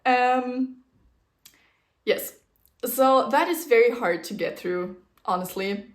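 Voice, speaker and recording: Her voice sits on the high side and her pace is slow. A young woman with a German accent who grew up speaking a German dialect, she's from a German-speaking region and rambles a bit on her solo podcast, chatty and casual, dropping fillers and little laughs.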